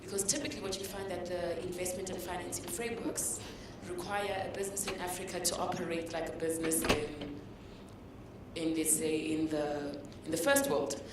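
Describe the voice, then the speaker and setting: A woman's voice: on the low side, little pitch movement, normal speed. A woman putting a thoughtful question in a panel discussion, weighing options as she restarts phrases. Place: conference hall. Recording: echoey hall from far off, clear background noise.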